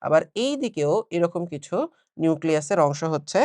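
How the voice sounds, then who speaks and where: Young bangladeshi guy teaching bio online, rattles along quick, asks himself questions n answers, dry close mic. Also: a little high, darkish tone, no echo. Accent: Bangladeshi Bengali. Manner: chatty, asks and answers his own questions, many fillers. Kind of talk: casual exam-prep lecture.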